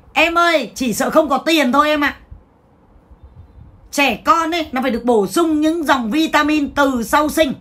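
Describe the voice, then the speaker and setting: A woman's voice: high voice, fairly bright tone. Foul-mouthed ranting woman livestreamer. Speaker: livestream seller. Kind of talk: livestream sales talk.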